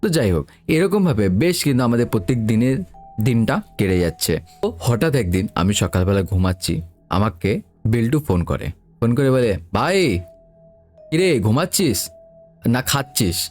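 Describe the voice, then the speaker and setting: A man's voice: on the low side, animated, brisk, darkish tone, soft background music. A man who tells a first-person story in a chatty way and speaks straight to his listeners. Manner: chatty, addresses listeners directly. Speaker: podcast storyteller.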